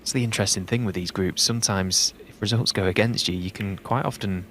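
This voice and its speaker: A man giving understated, unhurried live snooker commentary, shot by shot. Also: lowish voice, fairly bright tone. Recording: noisy, clicks behind the voice.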